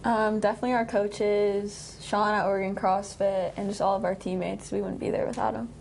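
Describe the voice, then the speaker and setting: Teen girl athlete chatting in an interview, medium pitch, little background noise. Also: little pitch movement, a little fast, creaky, darkish tone. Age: teens. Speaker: student athlete being interviewed. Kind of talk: casual interview answers.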